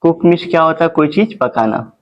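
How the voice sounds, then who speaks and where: Man teaching slowly, lo-fi sound. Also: fairly high pitch, expressive. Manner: slow, repetitive, drawn-out teaching. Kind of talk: classroom phonics lesson.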